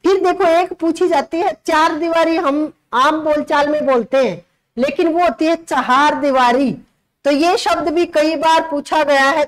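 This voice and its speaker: High-voiced woman teaching grammar. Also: low-quality recording. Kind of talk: exam-prep grammar lesson.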